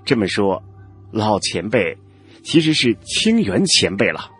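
A man's voice: on the low side, very animated, measured pace, a bit bright, breathy edge, faint music behind, heavily acted. A man voicing a wary, respectful young male cultivator who questions an elder.

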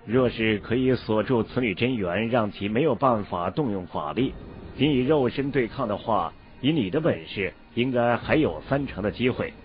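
A man voicing a calm, calculating young male cultivator in a storybook, with a cool, level delivery. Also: mid-range voice, normal speed, close to an everyday voice. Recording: dull lo-fi audio, faint music.

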